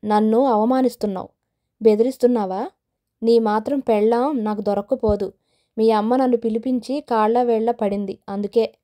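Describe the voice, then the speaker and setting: A woman's voice: on the high side, fairly even intonation, normal speed, warm tone, lightly acted. A woman voicing a spurned young man who talks in a pleading, sarcastic way. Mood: bitter.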